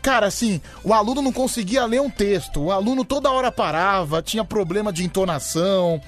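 A man's voice: sits high, fairly quick, soft background music. A man hosting a comedy radio show, teasing his co-hosts and telling stories. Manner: teasing, storytelling. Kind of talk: joking radio banter.

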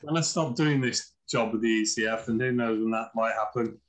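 Guesting on a relaxed podcast, a male chess author tells chatty stories and mimics the voices of those he quotes. He speaks fairly quickly at medium pitch, and the recording is rough.

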